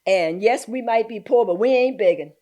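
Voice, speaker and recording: An older woman from southern Virginia, an activist guest in an interview, telling animated stories and dropping into folksy Southern talk. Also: on the high side, normal speed. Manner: animated storyteller who slips into folksy Southern talk and laughs often. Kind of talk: storytelling in a conversational interview.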